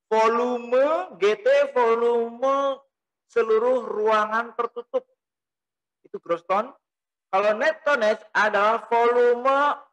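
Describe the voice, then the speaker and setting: A man's voice: high voice, pushed and bright, poor audio. A middle-aged man giving a recorded lecture, explaining step by step and asking and answering his own questions, recorded indoors on a desk microphone. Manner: gestures while talking. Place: small indoor room. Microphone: desk mic on stand.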